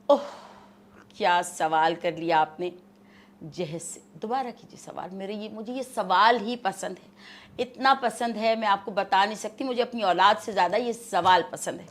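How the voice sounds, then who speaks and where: Pakistani woman doing a bossy stern mother-in-law bit, snappy and haughty, middle pitch. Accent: Pakistani Urdu. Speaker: guest actress. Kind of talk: comic in-character interview.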